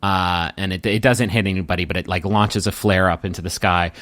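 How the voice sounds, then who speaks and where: A man's voice: sits low, fairly even intonation, brisk, a bit bright, no room sound. A man narrating as game master, in loose, filler-heavy speech.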